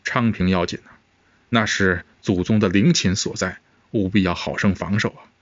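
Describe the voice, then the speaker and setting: A man reading a comic-book story voices a stern, anxious emperor who speaks low, slow and gravely. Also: no echo. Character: stern, anxious male emperor, middle-aged. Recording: dull, muffled sound.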